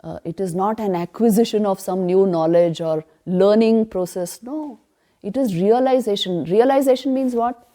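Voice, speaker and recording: Woman, spiritual teacher, mellow voice, rhetorical questions, emphatic. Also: medium pitch. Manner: emphatic, asks rhetorical questions then answers them; chants verses slowly. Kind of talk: retreat class on scripture.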